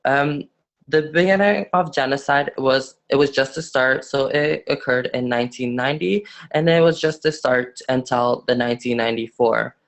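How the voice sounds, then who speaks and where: A nineteen-year-old man from Afghanistan giving a student webinar presentation, halting with frequent fillers and restarts. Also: medium pitch.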